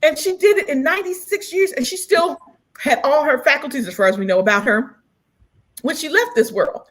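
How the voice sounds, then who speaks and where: A woman's voice: sits high, animated, a little fast. A woman co-hosting a casual chat podcast, emphatic and profane, laughing often. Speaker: podcast co-host.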